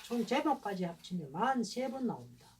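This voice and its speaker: A woman giving a classroom lecture, animated, posing rhetorical questions to her listeners. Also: medium pitch, fairly quick. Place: lecture room. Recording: distant mic with faint room noise.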